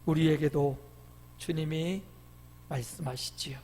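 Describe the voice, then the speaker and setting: A middle-aged man preaching a sermon as pastor, emphatic, with loud swells and lively quoted voices, recorded in a church sanctuary. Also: a little high, a little slow, slight background noise. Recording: long hall reverb.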